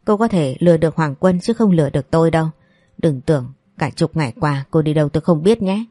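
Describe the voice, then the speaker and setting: A woman's voice: low voice, lively intonation, fast, warm tone, dry recording. A woman voicing a spiteful, scheming young woman who sneers and insults her rival.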